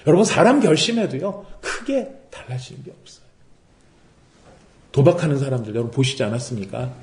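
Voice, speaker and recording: A man's voice: mid-range voice, sing-song, fairly quick, echoey room, a crowd in the background. A man preaching a sermon as pastor, asking rhetorical questions and acting out quotes. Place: worship service room.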